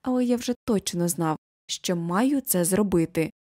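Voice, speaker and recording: A woman narrating a children's novel as an audiobook, expressive, lifting her voice for the quoted characters. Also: fairly low pitch, measured pace, no room sound, clean studio sound.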